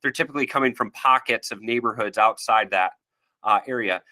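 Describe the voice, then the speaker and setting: A man's voice: medium pitch, fairly quick, pushed and bright. A man with a stuffy, nasal voice from allergies, presenting a webinar in a casual, friendly way with frequent fillers.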